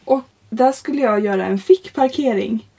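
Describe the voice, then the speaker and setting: A young woman with a fairly high, husky voice and a mellow, warm tone. She tells a comic story in a loose, chatty podcast style, animated and quick to laugh, swearing casually as she goes.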